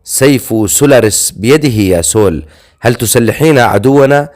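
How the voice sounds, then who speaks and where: A man's voice: mid-range voice, normal speed, darkish tone, close to an everyday voice. A man reading the lines of a hulking hostile warrior in an audiobook, speaking in an angry, scornful way.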